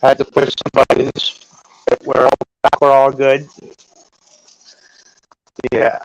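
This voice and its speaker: A man's voice: mid-range voice, completely flat delivery, takes it slowly, background noise. A man chatting casually and joking at his own expense on a livestream. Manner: joking, self-deprecating. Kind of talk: casual chat.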